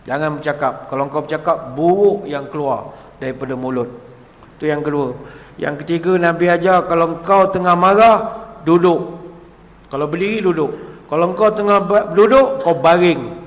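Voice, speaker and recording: A Malaysian man with a Malay accent gives a jokey, animated mosque lecture and acts out quarrels as he goes. His voice sits fairly high. It rings through a large hall with long reverb, over a faint room hum. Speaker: preacher.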